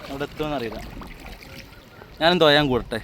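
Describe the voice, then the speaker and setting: A man with a Kerala accent narrating a casual, excited outdoor vlog, mixing English slang into his Malayalam and repeating catchphrases. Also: a little high, a little fast. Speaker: vlogger. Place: outdoors, in a small boat on water.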